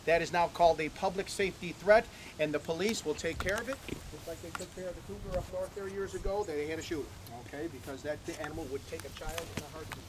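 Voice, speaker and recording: Fast-talking folksy man outdoors. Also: fairly high pitch, fairly even intonation, background noise. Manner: folksy, chatty, lots of "okay?" and "uh". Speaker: animal ranch owner giving a tour. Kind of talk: casual storytelling to visitors. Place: outdoors on a ranch near a barn.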